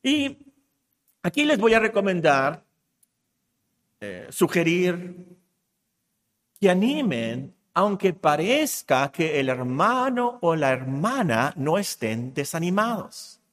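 A man preaching a sermon in a church, moving from loud emphatic lines to hushed asides. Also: sits high, sing-song, slow, long pauses.

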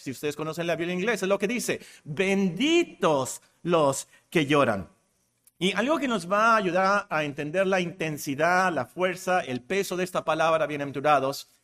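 A man giving a sermon as pastor, explaining slowly with many fillers and restarts and rising in force to stress his points. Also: a little high, a bit bright.

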